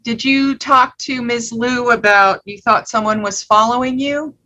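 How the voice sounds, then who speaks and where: A woman's voice: on the high side, fairly even intonation, a little slow, sharp tone, poor audio. A woman questioning a defendant as a judge, patient and plain-spoken.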